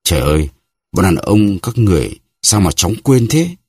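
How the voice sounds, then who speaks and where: A man's voice: low-pitched, lively intonation, a little fast, darkish tone, husky, no room sound, full character voice. A man voicing a jealous, reproachful lawyer's wife who pleads and sighs in a novel reading. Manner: pleading, sighing.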